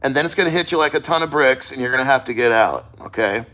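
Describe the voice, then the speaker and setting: Bright-voiced man rambling casually. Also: medium pitch, fast, poor audio. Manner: rambling, plain-spoken, profane. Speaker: vlogger. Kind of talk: casual first-person vlog talk. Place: sitting in a cold plunge.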